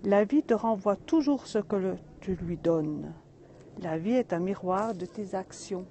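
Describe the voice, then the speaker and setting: Woman reading a calm wise father in a storybook tale, patient and slow, soft mellow voice, outdoors with faint open-air sound. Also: mid-range voice, a little hiss or hum. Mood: gentle teaching. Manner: patient, explaining gently. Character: wise calm father teaching his son. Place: outdoors in a mountain village.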